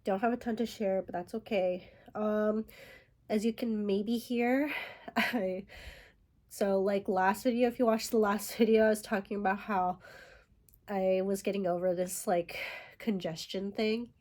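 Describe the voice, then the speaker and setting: A woman hosting a relaxed knitting vlog while fighting a head cold, her voice stuffed-up and nasal. She talks in an easygoing, rambling way, full of "um"s and "like"s, at a middle pitch. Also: a little slow. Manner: rambling, lots of fillers and light laughs. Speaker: yarn dyer and podcast host. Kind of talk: casual chatty knitting vlog.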